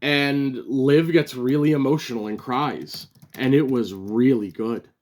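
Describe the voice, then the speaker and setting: A man giving a casual solo review of a wrestling show, chatty and loose, with many fillers and bursts of excitement. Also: medium pitch, measured pace.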